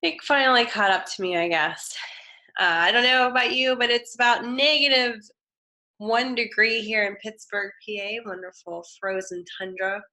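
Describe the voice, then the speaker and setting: Here a female design instructor leads a live online class with a screen demo despite a head cold that leaves her nasal and sniffly. Fairly high and steady, her voice moves at normal speed with a sharp edge, captured on a low-quality recording. She keeps it casual and chatty, with frequent fillers, restarts and self-corrections.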